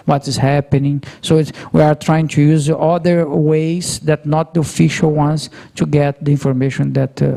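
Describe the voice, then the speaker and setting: Halting man, gravelly. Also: fairly high pitch, dark tone. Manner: halting, many fillers and restarts. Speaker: panelist from a national treasury. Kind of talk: panel discussion answer.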